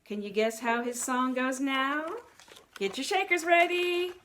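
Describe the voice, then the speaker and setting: A woman reads a picture book to young children in an animated way, asking her listeners questions and exclaiming along with the story. Her voice is high and measured in pace, with a little hiss or hum.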